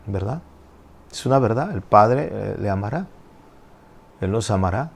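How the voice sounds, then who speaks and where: A man's voice: fairly low pitch, animated, unhurried, vocal fry. An older man delivers a sermon as a pastor. He drives his points home with repeated questions and climbing, emphatic phrases. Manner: preaching with rising, emphatic repetitions.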